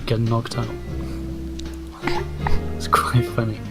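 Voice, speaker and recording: A man in casual podcast chat, tossing out dry, offhand remarks. His voice is middle-pitched and relaxed. Music runs behind him. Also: slow pace, vocal fry. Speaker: podcast co-host.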